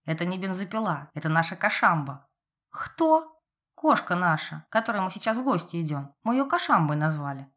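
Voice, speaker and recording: A woman voicing a middle-aged father in an audiobook, calm and explaining. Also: lowish voice, fairly quick.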